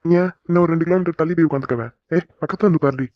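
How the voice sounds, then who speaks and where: A man's voice: on the high side, rapid-fire, no echo, highs cut off, close to an everyday voice. A man voicing an affectionate young husband in a cartoon who coaxes his wife in a tender way. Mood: tender, coaxing. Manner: tender, coaxing. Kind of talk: cartoon voice acting.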